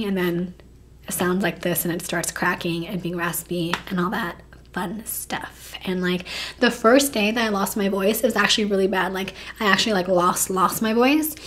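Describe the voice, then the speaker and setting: A young woman with a hoarse, raspy voice that keeps cracking, chatting casually through a makeup review at home. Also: medium pitch. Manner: chatty, animated, drops to whispers. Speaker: beauty YouTuber.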